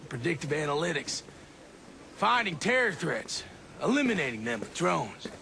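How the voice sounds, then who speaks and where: A man's voice: a little high, big pitch swings, normal speed, creaky, bright, forceful tone, heavily acted. An actor playing a self-assured male official in a video game cutscene, with noisy audio.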